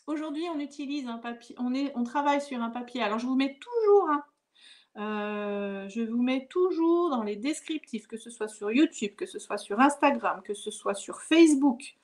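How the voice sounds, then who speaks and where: High-voiced chatty woman teaching live. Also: lively intonation, normal speed, darkish tone. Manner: chatty, reads viewer comments aloud and laughs often. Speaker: watercolor teacher hosting a live stream. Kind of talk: casual live-stream chat. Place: at home.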